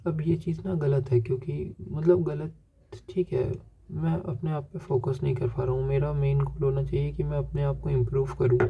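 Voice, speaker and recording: A man's voice: fairly high pitch, fairly even intonation, normal speed, gravelly, husky, dull audio. A young man talking through his feelings in a rambling, self-searching personal monologue, often checking himself with a filler. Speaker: vlogger.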